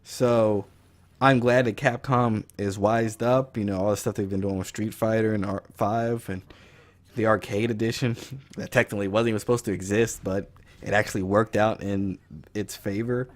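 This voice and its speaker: Raspy-voiced man with a cold. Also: lowish voice, steady tone, moderate pace. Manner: rambling, loose, with fillers and profanity. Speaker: game reviewer. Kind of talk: casual video game review.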